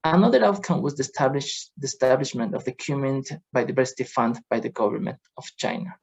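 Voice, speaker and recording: Brief: man presenting over a video call, gravelly, hesitant, lots of fillers. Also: mid-range voice, animated, darkish tone, highs cut off. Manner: halting, many fillers and restarts. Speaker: presenter from a convention secretariat.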